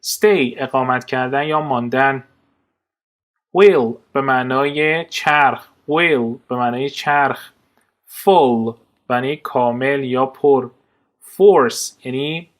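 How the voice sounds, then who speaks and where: A man's voice: mid-range voice, a bit bright. A man with a Persian accent teaching English vocabulary, reading each word and then giving its meaning.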